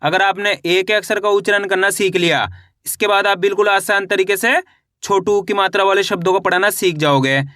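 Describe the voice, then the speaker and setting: A man teaching Hindi reading in a slow phonics lesson. He sounds out each syllable and blends them into words. He encourages viewers as friends. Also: high-pitched, steady tone, sharp tone, no room sound, studio quality.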